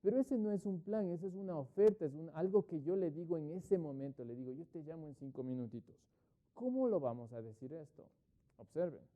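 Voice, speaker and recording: A middle-aged man teaching English grammar in Spanish in an online class, patiently explaining and asking rhetorical questions, slowing down to spell out English example sentences. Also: on the high side, expressive, mellow. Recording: phone-like thin audio.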